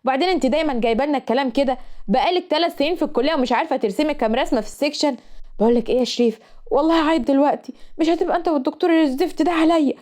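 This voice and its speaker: Woman doing a whiny egyptian college girl, high fast voice, all drama. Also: darkish tone, lightly acted. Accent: Egyptian Arabic. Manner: whiny, exaggerated complaining. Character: sulky young woman student, dramatic.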